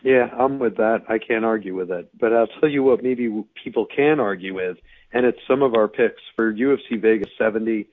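A man with a hoarse, raspy, nearly lost voice, co-hosting a casual sports analysis show. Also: lowish voice, brisk. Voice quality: raspy, strained voice. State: hoarse, losing his voice. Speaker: sports podcast co-host. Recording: tinny radio-like narrowband line.

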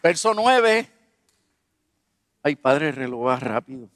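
Speaking slowly in a large hall, a man with a mid-range voice preaches as a pastor. His sermon weaves in humorous personal anecdotes, and he animatedly asks the congregation questions.

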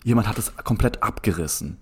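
Young man, low-pitched, casual rambling storyteller with lots of restarts and fillers. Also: a little fast, husky. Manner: rambling, animated anecdote with frequent restarts and filler "so".

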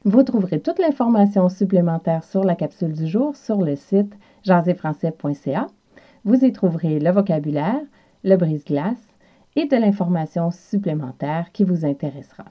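Lower-pitched woman with a Quebec French accent. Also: expressive, normal speed, lo-fi sound. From Quebec, South Shore of Montreal. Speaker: podcast host and French teacher. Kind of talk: scripted language lesson with repeated practice phrases.

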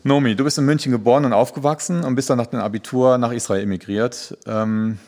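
A man's voice: mid-range voice, steady tone, fast, darkish tone. A man hosting a podcast interview, introducing his guests in a hesitant way with many filler sounds. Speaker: podcast host.

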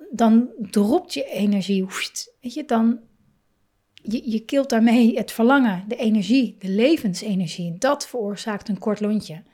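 A woman giving a reflective talk on parenting and feelings, speaking slowly and thoughtfully with soft laughs and pauses. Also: on the high side.

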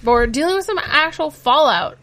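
A woman's voice: high voice, expressive, a little fast, fairly bright tone. A woman co-hosting a casual podcast, chatting about a TV show with wry, sarcastic asides. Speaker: podcast co-host. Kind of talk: casual TV recap chat.

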